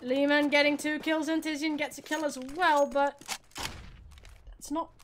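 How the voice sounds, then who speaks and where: A Dutch woman in her late twenties with a Dutch accent casts an esports match, giving casual play-by-play and chatting with viewers, teasing and answering chat questions between calls. Her voice is high-pitched and level, at a measured pace, with heavy background noise.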